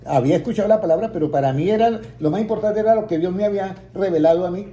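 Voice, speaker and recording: Male preacher, storytelling testimony, somewhat high voice, roomy sound with faint ambience. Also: rapid-fire, warm tone. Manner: storytelling, acting out quoted voices, rising to emphatic peaks.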